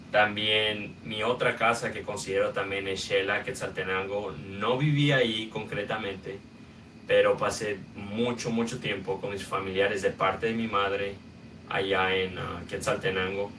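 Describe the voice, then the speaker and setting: A young Guatemalan man tells his own story as a podcast host, loose and unhurried, dropping in small filler sounds. His voice sits fairly low but has a bright, forward edge, and his pitch barely moves. He sounds a little away from the mic, with a faint hum of room noise behind him. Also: far from the mic. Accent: Guatemalan Spanish. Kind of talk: personal storytelling monologue.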